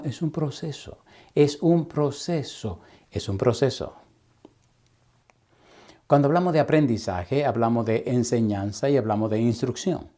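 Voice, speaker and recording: A man preaching as a pastor in Sabbath school, telling a story and acting out its dialogue, sometimes dropping to a hushed whisper. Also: mid-range voice. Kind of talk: Sabbath school Bible teaching.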